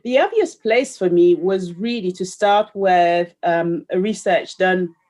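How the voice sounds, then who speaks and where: A woman's voice: on the low side, measured pace, darkish tone. Thoughtful woman historian, raised. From Cameroon, raised in Paris. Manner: thoughtful, searching for words with fillers. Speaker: historian and author. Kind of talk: conversational discussion.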